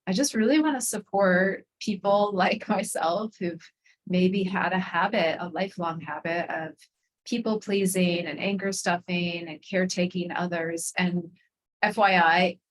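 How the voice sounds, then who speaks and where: A woman speaking as a podcast guest, explaining her coaching work in a reflective, earnest and gently enthusiastic way. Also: on the low side, a little slow, rough recording. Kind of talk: conversational interview.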